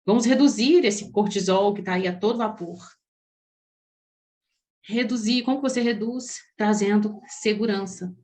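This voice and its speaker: A woman with a Brazilian accent, a parenting coach giving an expressive teaching talk that speaks straight to parents and asks them many questions. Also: mid-range voice, moderate pace. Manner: expressive, talks directly to parents.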